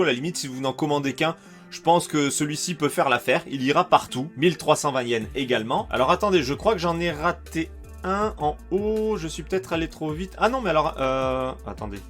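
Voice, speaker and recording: This French man, a YouTuber reviewing collectibles, talks viewers through a shopping site in an easygoing screen-share, lively and full of fillers. His pitch is fairly high and his tone fairly bright.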